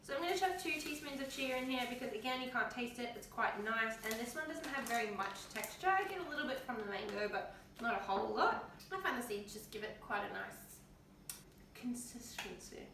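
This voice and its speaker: A woman's voice: on the high side, lively intonation, a little fast, a bit bright. Aussie woman chatting away in her kitchen, tired and sore, mic across the room, faint hiss. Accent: Australian. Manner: chatty, offhand, colloquial. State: tired, in pain. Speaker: health vlogger. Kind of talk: casual kitchen vlog. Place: home kitchen with windows open. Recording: very echoey kitchen, distant mic, faint noise.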